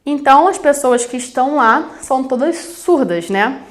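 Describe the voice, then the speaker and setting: A woman's voice: high-pitched, lively intonation, normal speed. A woman from Brazil teaching a recorded video lesson on sign language, explaining directly to the camera and addressing her students. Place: studio with plain backdrop. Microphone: camera-facing studio recording.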